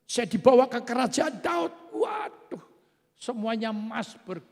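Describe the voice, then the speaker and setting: A man's voice: very high voice, animated, moderate pace, vocal fry. A man in his seventies preaching a sermon, giving testimony and often calling out to the congregation. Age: 70s. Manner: emphatic, often addresses the congregation directly. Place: church hall. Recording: echoey church hall with faint music.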